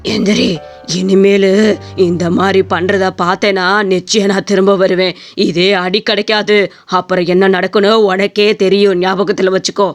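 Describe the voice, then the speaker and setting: Woman playing a cartoon grandpa ghost, vengeful, scolding, threatening, mid-pitched voice. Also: level tone, normal speed, soft background music, close to an everyday voice. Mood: stern warning.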